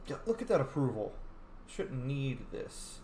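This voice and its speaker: A young man plays a video game and offers casual let's play commentary, chatty and opinionated, often talking over the game. His mid-range voice is mellow, very animated and unhurried, recorded in an echoey room with faint noise.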